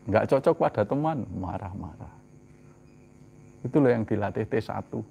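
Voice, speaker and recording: A man preaching a sermon. He asks rhetorical questions and answers them himself, swinging from loud, emphatic lines to soft, low asides. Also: animated, normal speed, vocal fry, a little hiss or hum.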